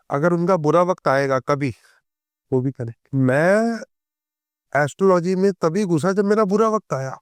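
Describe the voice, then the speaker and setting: A man explains astrology as a podcast guest in a smooth, resonant voice. His pitch sits a little high. The recording is dry and close. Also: dry recording. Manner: reads scripture verses slowly, then explains in conversational tones.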